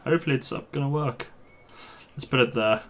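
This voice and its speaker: Streaming a game live, this man keeps up a casual, matey chat with his viewers as he plays. He speaks a little fast in a medium-pitched, slightly bright voice, and there is a little hiss or hum.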